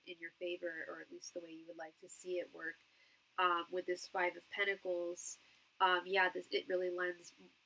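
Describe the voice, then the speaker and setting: A woman with a fairly low but very bright, forward voice and a nasal tone. She works through a tarot reading as a psychic medium, addressing one person directly. Her phrasing is halting, with repeated words as she feels her way to each point. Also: poor audio. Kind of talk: live tarot reading, speaking intimately to one client.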